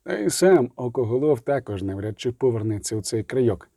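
A man voicing a calm, terse male monster hunter in an audiobook, speaking coolly and measured. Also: medium pitch, dry recording, studio quality, voice pushed down.

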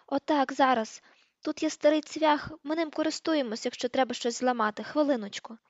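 Woman doing a dreamy teen girl, soft and light, high-pitched. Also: moderate pace, no echo, lightly acted. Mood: gentle. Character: dreamy gentle teenage girl prisoner. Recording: dull lo-fi recording.

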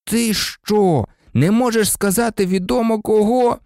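A blunt teenage schoolboy, as a male narrator puts him on, indignant and outspoken, with a raised voice. The tone is warm and mellow. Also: sits high, measured pace, dry recording, clean studio sound, voice pushed up.

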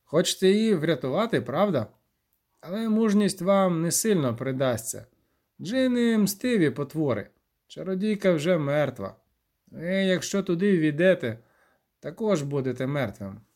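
A man's voice: on the high side, big pitch swings, moderate pace, darkish tone. A man voicing a sneering, sardonic priest in an audiobook, mocking and ominous.

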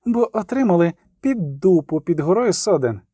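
A woman's voice: lowish voice, sing-song, normal speed, husky, no echo, studio quality, heavily acted. A man doing a fierce defiant teenage girl. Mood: angry. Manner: shouts sharp defiant retorts.

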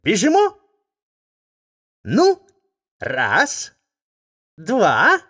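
A woman voicing a boastful male hare in a storybook, who is quick to anger and talks in high exclamations. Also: wildly swooping pitch, fairly bright tone, slightly rough, full character voice.

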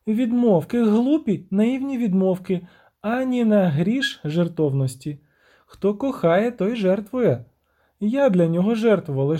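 A shrill, indignant young siren, as a male narrator puts her on in an audiobook, complaining in a high singsong lilt. Her voice leaps around wildly but stays mellow and soft in tone.

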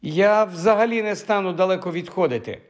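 A man's voice: sits high, fairly quick, voice pushed up, lightly acted. A man voicing a shy, nervous young woman who speaks with a trembling voice. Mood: excited.

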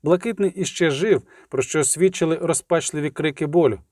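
Guy narrating an audiobook, steady dramatic reading, bit higher voice, dead dry studio sound. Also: brisk, no echo.

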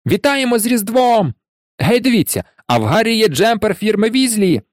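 A man voicing a cheeky teenage twin boy who teases loudly. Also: high voice, sing-song, moderate pace, dry recording, studio quality, voice pushed up. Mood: teasing. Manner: loud, teasing banter.

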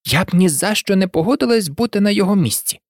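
A woman's voice: medium pitch, animated, fast, darkish tone, no room sound, studio quality, pitched above the performer's own voice. A woman voicing a curious, clever young girl who muses aloud to herself. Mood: musing. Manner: musing, talking to herself. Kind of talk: audiobook character voice.

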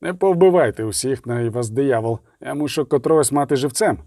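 A man voicing a weary, gruff monster hunter who growls his curt words. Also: mid-range voice, fairly quick, a little mellow, dry recording, studio quality, natural voice.

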